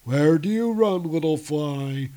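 A man's voice: a little high, lively intonation, takes it slowly, mellow, pitched above the performer's own voice. A man voicing a hulking male frost giant, speaking in a raised, strained voice with an odd timbre. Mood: menacing.

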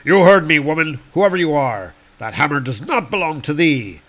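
A man voicing a proud, hot-tempered male god from a comic, speaking in booming archaic declarations. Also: very animated, moderate pace, a bit bright. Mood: angry commanding.

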